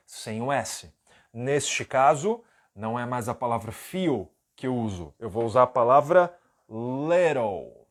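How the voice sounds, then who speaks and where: This is a man from Brazil giving an English lesson, his voice rising and falling with lively melody. He explains step by step and slows right down to repeat example words. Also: mid-range voice. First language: Portuguese. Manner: slow, drawn-out model pronunciations. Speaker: English teacher.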